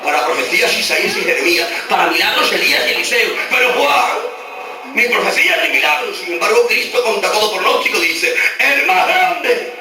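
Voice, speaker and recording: A man from Extremadura preaching a fiery sermon with a Spain Spanish accent, swinging between shouts and hushed low tones, heard on an old cassette dictaphone recording. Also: sing-song, fairly quick. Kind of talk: Pentecostal-style sermon. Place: large church hall. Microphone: handheld dictaphone in the congregation. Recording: echoey hall taped from far off with music. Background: music and congregation responses.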